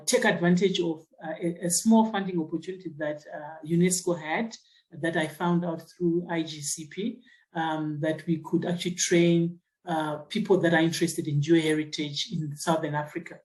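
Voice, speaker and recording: A woman's voice: sits low, darkish tone, low-quality recording. A middle-aged woman from Zimbabwe, a geoscientist answering interview questions in a thoughtful way, with many fillers and restarts. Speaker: geoscientist and associate professor.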